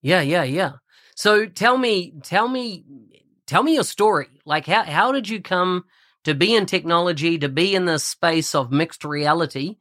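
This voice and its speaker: A man's voice: sits high, measured pace, pushed and bright. Upbeat man hosting a podcast. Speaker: podcast host. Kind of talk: podcast interview.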